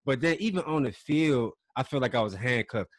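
A man's voice: mid-range voice, expressive, dry recording. A man hosting a podcast interview, a former college football player who agrees often and asks questions in a casual way. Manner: affirming, quick to agree and laugh along.

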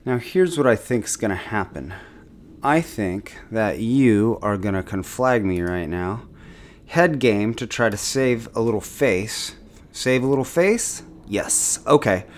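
A man's voice: fairly low pitch, expressive, unhurried, slight background noise. A man giving casual, self-critical commentary on his own gameplay as a channel host, thinking aloud with restarts and chuckles.

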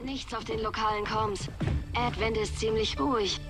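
A woman's voice: fairly high pitch, fairly even intonation, moderate pace, close to an everyday voice. A woman playing a tough young resistance fighter, making terse military radio reports in a game. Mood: alert, tense. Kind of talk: scripted game radio dialogue. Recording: loud music over the voice.

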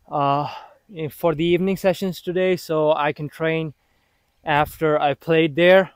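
A man talking casually to the camera about his football training, halting and self-motivating as he thinks aloud on an outdoor pitch. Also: fairly bright tone, clean tone, dry recording.

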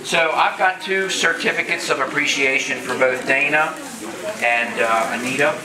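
Middle-aged man, county official, plain mid pitch, jokey off-script manner, handheld mic in an echoey hall with a crowd behind. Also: moderate pace, far from the mic. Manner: joking, off-script asides. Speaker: county commissioner presenting awards. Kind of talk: casual public ceremony speech. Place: large open-sided farm hall. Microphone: handheld microphone.

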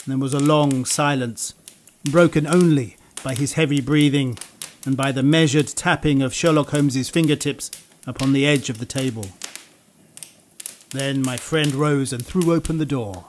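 A man playing a composed doctor who narrates a radio drama in a steady, descriptive way. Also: medium pitch, normal speed, slight background noise, lightly acted. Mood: calm.

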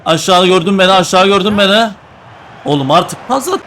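A young man commentating his own online football match with teammates, excitable and joking, trash-talking and repeating his calls. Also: sits high, a little fast, slight background noise. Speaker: gaming YouTuber. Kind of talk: live gameplay commentary with teammates.

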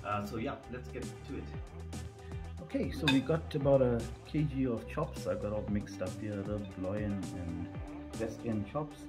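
A middle-aged man with a Durban Indian South African accent, casually hosting a cooking demonstration with relaxed step-by-step instructions. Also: fairly low pitch, moderate pace, loud music behind the voice. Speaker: cooking show host. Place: home kitchen, indoors.

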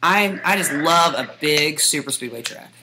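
A woman's voice: low voice, animated, moderate pace, noisy background. A woman co-hosting a racing podcast in casual chat, swearing freely and laughing often. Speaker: podcast co-host.

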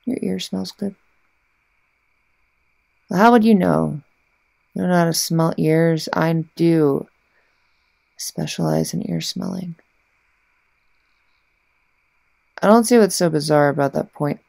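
A woman voicing a haughty, secretly affectionate cat girl in a soft ASMR ASMR role-play, murmuring haltingly with breathy mouth sounds. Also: sits low, no echo, heavily acted. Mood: bossy, curious.

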